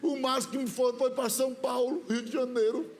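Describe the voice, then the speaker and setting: A man with a Brazilian accent preaching a sermon as comic, lively storytelling. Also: extremely high pitch, a little fast, faint music behind. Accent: Brazilian Portuguese. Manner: lively, comic storytelling that mimics the voices he describes. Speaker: pastor.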